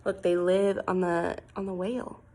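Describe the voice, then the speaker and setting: A woman who teaches reads a picture book aloud to small children, sing-song and expressive, prompting them with questions and exclamations. Her voice is on the low side at a moderate pace, with background noise in the clip.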